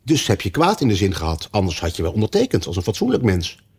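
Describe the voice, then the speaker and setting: Man reading as a blustering storybook king, husky, pitched up from the narrator, pompous and hasty. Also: huge pitch swings, quick pace, a little mellow, heavily acted. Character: pompous, flustered old king presiding over a court.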